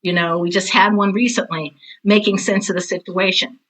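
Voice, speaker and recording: In a low-quality recording, an older woman with a mid-range, steady, fairly bright voice speaks at a moderate pace as a casual interview guest. She is a theater teacher and author, self-described as intense and direct, who repeats phrases with emphasis.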